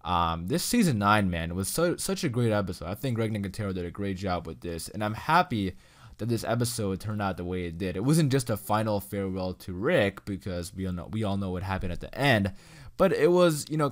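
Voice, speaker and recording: A man's voice: on the low side, animated, moderate pace. A young man giving a casual, enthusiastic ranking commentary, full of "you know" and "like.". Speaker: YouTube reviewer.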